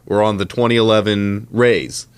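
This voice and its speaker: A man co-hosting a sports podcast, chatting in a relaxed, rambling way and chuckling often. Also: lowish voice, normal speed, smooth. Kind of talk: casual banter.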